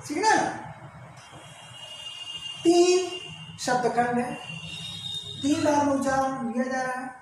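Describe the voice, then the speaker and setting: Slow, deliberate male teacher in a very echoey room, drilling students with questions he answers himself. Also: extremely high pitch, slight background noise. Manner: asks questions and answers them himself, repeats key words. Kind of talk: English grammar lesson in Hindi.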